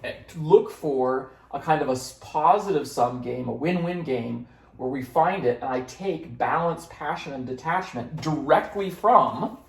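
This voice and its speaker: A man's voice: a little high, lively intonation, unhurried, vocal fry, echoey room. A man hosting a casual conversation, explaining ideas at length with many fillers and playfully acting out quoted voices. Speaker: host.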